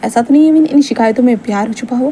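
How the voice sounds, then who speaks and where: Nosy young male friend, a woman reading him, teasing and coaxing, high and mellow. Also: fast, slight background noise, natural voice.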